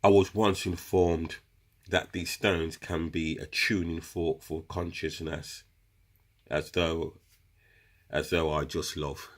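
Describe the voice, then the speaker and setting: Slow and level in a deep voice, a man selling crystals explains a meditation practice to his viewers in a casual instructional video. He has a cold and a runny nose, and he keeps it chatty, addressing everyone as "guys."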